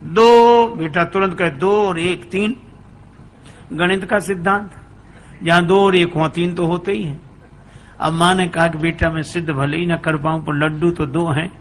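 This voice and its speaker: Man, preacher, storytelling sermon, animated dialogue, long hall echo, faint ambience. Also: fairly high pitch, moderate pace, a little hiss or hum. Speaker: religious preacher.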